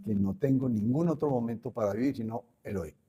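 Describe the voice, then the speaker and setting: A man's voice: medium pitch, fairly quick, warm tone, breathy edge. An older man speaking as a guest, earnestly teaching and repeating his key phrases. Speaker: guest speaker on spiritual growth. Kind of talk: reflective conversational teaching.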